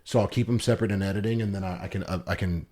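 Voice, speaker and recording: A man's voice: deep voice, fairly even intonation, rapid-fire, darkish tone. A man hosting a casual interview podcast in an informal, chummy buddy style. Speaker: host.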